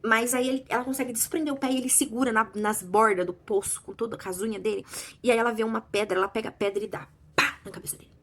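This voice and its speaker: Rapid-fire Brazilian woman with a gravelly voice. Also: a little high. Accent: Brazilian Portuguese. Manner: breathless, excited retelling with outbursts. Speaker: book reviewer. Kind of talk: casual spoiler-filled book review.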